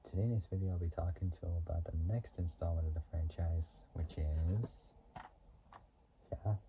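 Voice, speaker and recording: A young man talking casually to his channel, rambling through fillers, giggles and throat clearing as he explains a movie. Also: low-pitched, normal speed, noisy background. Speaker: YouTuber. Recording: dull lo-fi sound.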